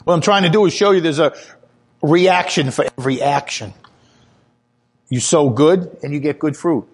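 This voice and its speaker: A man giving a sermon, earnest and personal, telling his own testimony and growing louder and higher when he stresses a point. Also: moderate pace, slightly rough. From Italian heritage. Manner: earnest testimony, rises in pitch when emphatic. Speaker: preacher.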